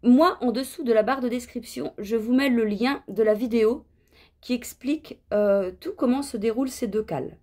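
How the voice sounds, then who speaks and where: A woman's voice: on the high side, normal speed, warm tone. A middle-aged woman chatting casually in a knitting vlog, rambling with lots of fillers and restarts. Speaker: knitting vlogger.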